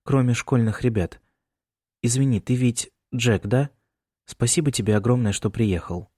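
A man's voice: medium pitch, normal speed, mellow, husky, no room sound, clean studio sound, voice pushed up, natural voice. A man doing a fussing, anxious mother. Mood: worried, fussing. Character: worried, fussing middle-aged mother.

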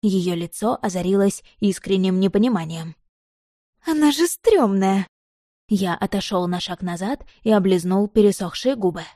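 A woman narrating a novel in a calm, measured reading. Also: medium pitch, no room sound, studio quality. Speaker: audiobook narrator. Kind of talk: scripted narration.

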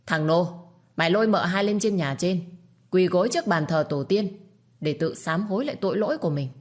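A woman performs a stern old matriarch in a spoken storybook drama. She barks orders in a low, heavy voice. Every command lands with clipped, impatient authority. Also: animated, fairly quick, a little mellow, close to an everyday voice. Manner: barking orders. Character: stern older matriarch of a rich household.

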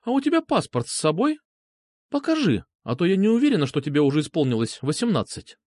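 A playful young woman from an audiobook, teasing and quick to laugh, put on by a male narrator. Her voice sits high and light, swinging widely in pitch. The sound is close and dry. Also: dry recording. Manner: teasing, lively. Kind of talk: audiobook character voice.

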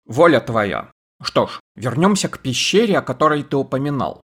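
A polite, relentless interrogator, read by a male audiobook narrator, pressing question after question with a calm, courteous edge. The voice is a mid-pitched, husky baritone that stays measured and insistent. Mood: probing.

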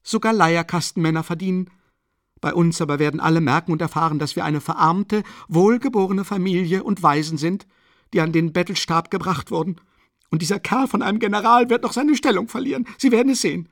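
A man reading an audiobook, voicing a breathless, coughing, impoverished mother who talks in shrill, hasty pleas and scolding. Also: fairly quick, no room sound, clean studio sound. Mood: frantic, pleading. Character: frantic impoverished widowed mother, consumptive woman. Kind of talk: audiobook character voice.

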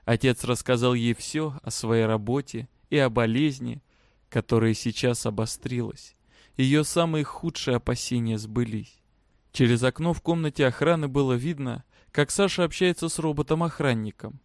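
A man narrating a story aloud in a steady, even reading manner. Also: mid-range voice, moderate pace, no room sound, studio quality. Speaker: audiobook narrator.

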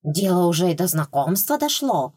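A woman's voice: lowish voice, very animated, normal speed, a little mellow, slightly rough. A woman voicing a brash, distrustful second ghost rat who talks bluntly and stubbornly. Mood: suspicious.

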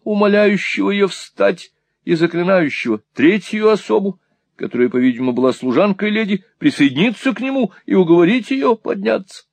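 A man narrating a classic novel as an audiobook, in an expressive, animated reading. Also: medium pitch, no echo. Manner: animated, rising and falling with the story. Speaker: audiobook reader.

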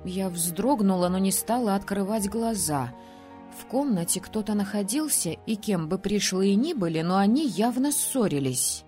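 A woman reading first-person narration for an audiobook in an even, measured way. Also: medium pitch, faint music behind.

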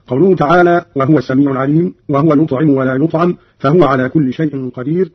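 Radio announcer, male, quick and instructive, husky tone, dry muffled broadcast sound. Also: on the high side, dry recording. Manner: measured, instructive, quotes verses then explains. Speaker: radio announcer explaining Quran reading variants. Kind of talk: formal scripted radio explanation. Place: radio studio.

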